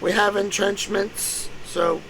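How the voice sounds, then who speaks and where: A man's voice: high voice, level tone, slow pace, creaky. A man in his late thirties joking and swearing in casual voice chat during a game. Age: 30s. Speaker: game player. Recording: noisy voice-chat audio.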